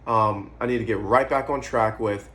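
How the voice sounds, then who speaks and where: A man in his twenties talks straight to the camera in an unscripted vlog. He rambles from thought to thought, swears freely and thinks out loud as he goes. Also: fairly low pitch, fairly even intonation, normal speed. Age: 20s. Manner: rambling, profane, musing aloud; eating while talking. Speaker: vlogger. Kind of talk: casual monologue to camera.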